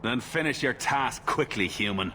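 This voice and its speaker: A scornful elf warrior. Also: male voice, mid-range voice, animated, normal speed, bright, forceful tone, slight background noise. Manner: curt and dismissive. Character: cold, contemptuous adult male Dalish elf.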